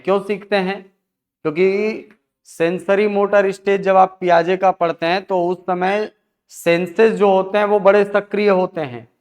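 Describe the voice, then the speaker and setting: Male teacher, fairly high and resonant voice, explaining step by step and answering his own questions. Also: smooth. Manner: asks and answers his own questions, addressing students as sir. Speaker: Hindi teacher. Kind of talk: classroom lecture on phonetics.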